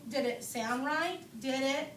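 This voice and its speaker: A woman teacher reading a picture book aloud to a class, slow and expressive, asking playful questions. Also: high voice. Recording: echoey classroom from far off, noisy.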